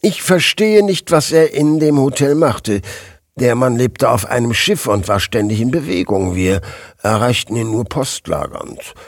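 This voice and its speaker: A man voicing an excitable, easily agitated male newspaper editor in an audiobook, his voice rising high when eager. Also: normal speed, creaky, dry recording, clean studio sound. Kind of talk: audiobook character voice.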